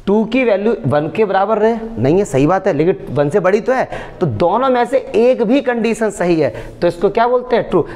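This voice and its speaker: A man with a fairly high voice teaching maths for an exam. He talks students through each step in a coaxing way and keeps checking that they have understood. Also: darkish tone. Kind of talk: explaining board exam maths.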